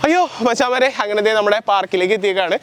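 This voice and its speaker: Over background noise, a young man with a high voice speaks rapid-fire. He's a vlogger narrating a casual DIY video outdoors in the street and a park, playfully talking to his audience as he makes and wears costume puppets.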